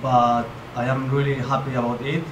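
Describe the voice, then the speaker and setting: A man in his thirties from Spain, talking in a relaxed way with fillers into a handheld mic. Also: medium pitch, normal speed. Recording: echoey room, background noise.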